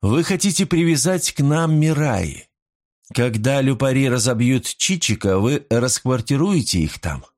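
A man's voice: mid-range voice, sing-song, unhurried, a little mellow, voice pushed up. A man voicing a shrewd, sceptical woman who speaks dryly and probingly. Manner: dry, probing. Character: Furia, sharp shrewd woman, dry and sceptical.

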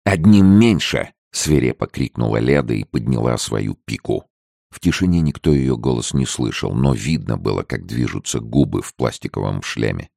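A man narrating an adventure audiobook in a measured, steady storytelling manner, with a deep gravelly voice. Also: dry recording, studio quality.

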